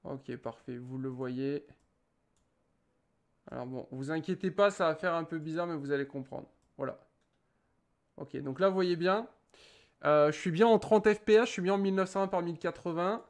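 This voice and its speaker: High-voiced joking man reviewing a webcam. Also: normal speed, pauses often. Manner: joking, rambling, swears casually. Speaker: tech YouTuber. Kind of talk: casual product review vlog. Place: home desk setup.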